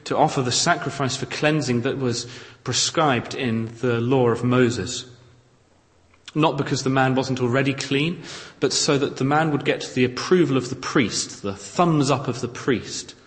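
Male preacher, measured and emphatic, unhurried, recorded in a reverberant hall. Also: medium pitch, fairly even intonation. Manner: measured, emphatic, dramatic scripture reading. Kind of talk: expository sermon. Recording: long reverb of a large hall.

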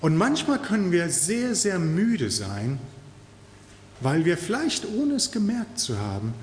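A man preaching with a fairly high, lively voice that climbs and drops sharply for emphasis. He delivers the sermon in an earnest, urging way. His words ring out with the long reverb of a church hall. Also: a little hiss or hum. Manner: earnest, emphatic preaching with rising and falling stress.

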